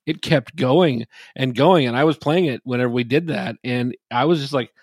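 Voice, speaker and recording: A man's voice: medium pitch, normal speed, darkish tone, no room sound, studio quality. A man co-hosting a podcast, telling a wry story in casual chat. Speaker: podcast co-host.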